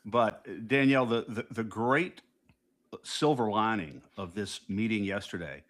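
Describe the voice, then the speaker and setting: A fairly low-pitched, loud man speaks unhurriedly as co-host of a political talk show. He is emphatic and indignant in the casual political discussion, with frequent restarts.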